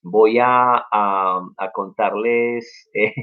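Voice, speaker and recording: A man's voice: fairly low pitch, steady tone, drawn-out words, smooth. Encouraging young male teacher, lo-fi stream. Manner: upbeat, encouraging, explains step by step. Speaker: English teacher. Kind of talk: casual live-stream lesson. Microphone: live-stream mic. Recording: dull lo-fi stream audio.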